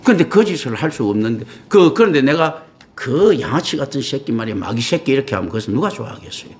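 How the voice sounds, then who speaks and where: A man's voice: medium pitch, very animated, fast talker. A middle-aged man preaching a sermon as pastor, in blunt everyday language, firing off rhetorical questions and acting out imagined speakers in quoted asides.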